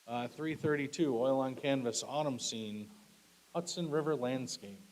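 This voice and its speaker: A man's voice: mid-range voice, a little slow, a little mellow, rough recording. A man working as an auctioneer at a live auction, calling bids and lots in short, clipped, repetitive phrases with polite asides. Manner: repetitive, clipped bid calls with polite thanks. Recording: clearly audible background hiss.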